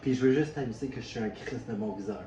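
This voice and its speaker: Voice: medium pitch, fast, highs cut off. A speaker with a Quebec French accent hosting a drinking game in boisterous, exclamatory banter peppered with swearing. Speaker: host of a drinking-game video. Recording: echoey room, distant mic, faint noise.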